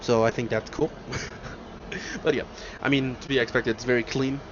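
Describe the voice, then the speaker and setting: A travel vlogger reviews a flight from inside the airliner cabin, rambling casually in the first person and thinking aloud. His mid-range voice has fairly even intonation and normal speed, and the recording is muffled by loud cabin noise.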